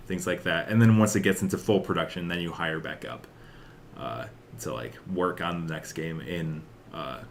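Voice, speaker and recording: Gravelly and low, this young man's voice moves at a moderate pace over slight background noise. He hosts a podcast, casually chatting about video game news in a rambling way full of filler words like "like" and "uh."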